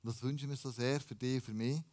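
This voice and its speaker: A pastor preaching a lively, casual sermon and dropping in English phrases. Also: male voice, medium pitch, quick pace.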